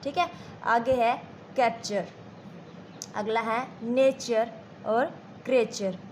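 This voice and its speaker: A woman teacher with an Indian accent leads a classroom lesson at an unhurried crawl. Her voice sits a little high, and she goes over each point more than once, stopping to ask whether the class has followed. Soft background noise runs under the recording. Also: fairly even intonation. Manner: slow and repetitive, checks understanding with questions.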